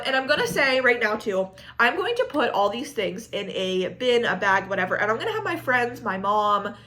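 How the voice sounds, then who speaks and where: A young woman with a bright, clear-toned voice chats casually to camera about beauty products. She rambles frankly, piling on "like" and "I don't know" as she goes. She is expecting a baby. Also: medium pitch. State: pregnant. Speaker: beauty vlogger. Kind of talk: casual chatty product review.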